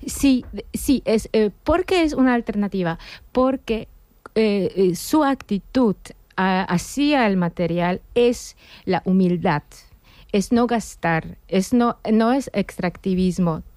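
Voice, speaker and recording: Woman, polish accent, smooth voice, dry close sound, hesitant guest. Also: mid-range voice, expressive, slow, a little mellow, dry recording. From Poland. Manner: hesitant, many fillers and restarts. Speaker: exhibition curator. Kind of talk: radio interview.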